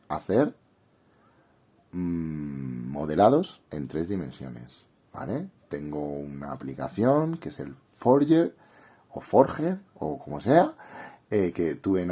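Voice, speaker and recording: Deep and dark in tone, this man's voice carries a Castilian Spanish accent and the stuffiness of a head cold. He's a YouTube host giving a casual tutorial and review of a drawing app, chatting informally right to his viewers.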